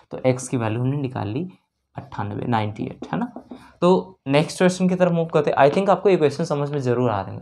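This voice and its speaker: A male maths teacher preparing students for exams gives a spoken lesson, working through questions step by step. His voice is medium-pitched with a darkish tone. He asks questions and answers them himself, repeats key steps, and mixes English terms into his speech.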